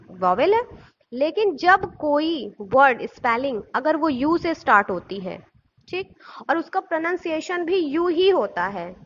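A woman teacher with a high voice walks through a grammar lesson. She poses questions and answers them herself, spelling words out letter by letter. The recording sounds muffled and lo-fi. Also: fairly bright tone. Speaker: school teacher.

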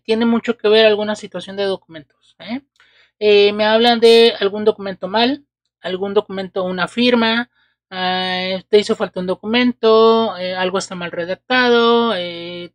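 A woman lays out tarot cards and reads them for the viewer at an unhurried pace. She fills gaps with soft "eh"s and checks in with a little "ok?". Her voice sits at a middle pitch and sounds dry and close, with little room around it. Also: no room sound. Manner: unhurried, many filler "eh"s and checking "¿ok?". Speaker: tarot reader. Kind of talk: tarot reading to camera. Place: indoors at a table.

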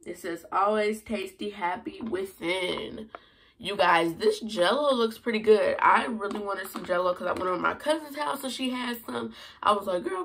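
A young woman with a hoarse voice, chatting casually and rambling in a food review vlog. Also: on the low side, fairly bright tone, a little hiss or hum. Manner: chatty, rambling with many fillers. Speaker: vlogger.

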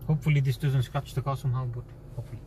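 Filming on his phone at a drive-thru car wash, a young man chats in casual, slangy banter from his car, the wash noise loud behind him. He speaks rapid-fire in a steady, dark, mid-range voice.

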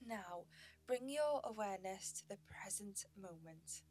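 A woman narrating a guided meditation in a gentle, soothing sleep-story manner, with measured pauses. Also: medium pitch, animated, soft background music.

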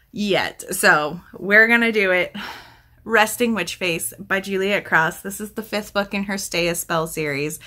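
A book vlogger in her thirties chats casually, enthusiastically and effusively from a small room at home with a bookshelf. Her mid-range voice has a sharp tone, and her throat sounds a little scratchy from talking.

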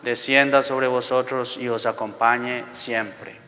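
Priest from for a rosary prayer, bright but flat and steady delivery, long church reverb. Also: male voice, mid-range voice. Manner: slow, measured, even prayer cadence. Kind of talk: recited prayer and blessing.

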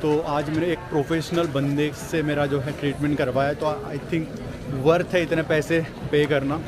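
A man's voice: fairly high pitch, flat delivery, moderate pace. A young man casually chatting to viewers while walking, filming himself with a handheld action camera outdoors. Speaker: vlogger. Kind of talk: casual walking travel vlog. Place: busy city streets at night and train platform, outdoors. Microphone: handheld action camera at arm's length. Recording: street noise behind. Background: city street and station noise.

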